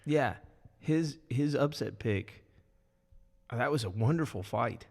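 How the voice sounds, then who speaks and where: Gravelly-voiced man in his thirties. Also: medium pitch, expressive, unhurried, a little mellow, long reverb tail. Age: 30s. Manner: laid-back, rambling, trails off and restarts. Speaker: podcast co-host. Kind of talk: casual chat.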